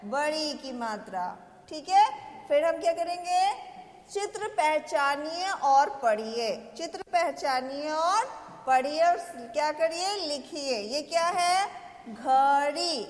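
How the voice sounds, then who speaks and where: High-voiced teacher in an echoey room. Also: female voice, expressive, takes it slowly. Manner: asks questions and answers them herself, drawing out vowels. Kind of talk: kindergarten language lesson. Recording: echoey roomy sound with long reverb.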